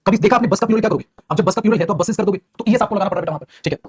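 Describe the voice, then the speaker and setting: A man teaching a live online grammar class at a rapid clip. His voice is husky and sits a little high, and he rattles through repeated points while calling his students "beta". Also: darkish tone. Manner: fast, repetitive, calls students beta.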